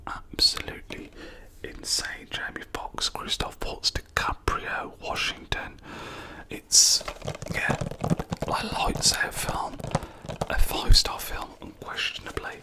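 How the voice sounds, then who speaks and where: Soft whispering ASMR host. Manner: soft unvoiced whisper, unhurried, with frequent "um" and "yeah". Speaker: ASMR creator reviewing own film collection.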